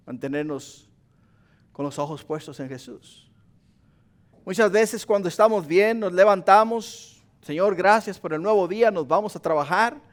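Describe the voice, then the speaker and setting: A male pastor preaching a sermon to his congregation, whose voice climbs and grows louder on repeated pleas before dropping back low and quiet. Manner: impassioned preaching, rising in pitch and volume on repeated pleas; addresses the congregation as brothers and sisters.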